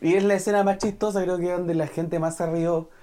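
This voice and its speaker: A man's voice: high voice, fairly even intonation, a little fast, mellow. A young man with a Chilean accent, casually and animatedly retelling a film scene among friends, full of slang and profanity. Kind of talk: casual chat.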